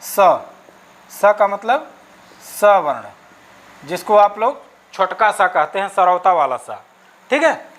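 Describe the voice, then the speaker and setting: Male teacher leading an exam-prep grammar lesson at a slow, patient pace, constantly checking in and answering his own questions. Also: high voice, big pitch swings, fairly bright tone. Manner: asks questions and answers them himself; checks in often with "okay". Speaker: Sanskrit teacher.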